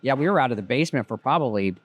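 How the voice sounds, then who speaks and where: A man's voice: mid-range voice, expressive, very fast, dry recording. A man in his fifties, a business owner interviewed as a guest, telling his story in a plainspoken, reflective way. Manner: plainspoken, reflective, many "you know" fillers. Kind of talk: casual interview.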